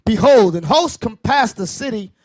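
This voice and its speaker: A man's voice: sits high, animated, normal speed, dry recording. A man reading Bible verses aloud to a class, declaiming the old-fashioned wording with rising emphasis. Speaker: scripture reader.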